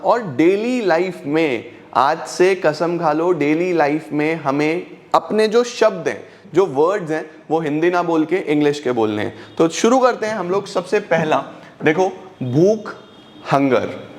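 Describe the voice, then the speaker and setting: Slow-paced Indian teacher drilling vocabulary. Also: male voice, a little high. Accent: Indian English. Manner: lists Hindi words then their English, repeating slowly. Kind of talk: Hindi-English vocabulary lesson.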